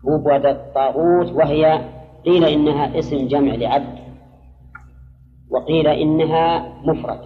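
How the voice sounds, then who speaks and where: A man giving a classroom lecture on Quranic readings and grammar, speaking in a measured way, repeating key words and putting questions to his students. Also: fairly high pitch, fairly even intonation, faint music behind. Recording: muffled lecture hall with long reverb.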